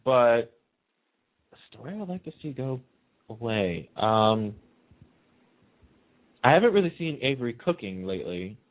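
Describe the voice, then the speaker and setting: This radio show participant has a mid-range voice and sounds very animated, speaking a little slowly with long pauses. He chats casually and emphatically about TV soap storylines, offering his views over a muffled, narrow line that sounds like a phone.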